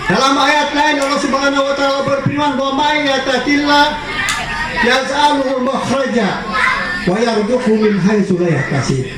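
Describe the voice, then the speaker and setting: A man preaching a sermon, asking rhetorical questions, chanting verses and shouting for emphasis. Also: very high-pitched, fairly even intonation, measured pace, distant mic. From Malaysia. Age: 30s. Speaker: religious preacher. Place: outdoor stage at a mosque event at night. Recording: loud echoey outdoor PA with crowd noise. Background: crowd and ambience.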